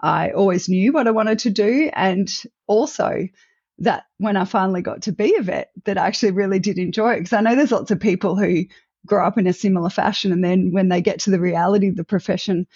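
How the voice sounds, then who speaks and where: Gravelly Australian woman, chatty guest. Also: medium pitch, darkish tone, no room sound, lo-fi sound. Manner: chatty, reflective, with fillers and restarts. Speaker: guest veterinarian. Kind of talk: conversational interview.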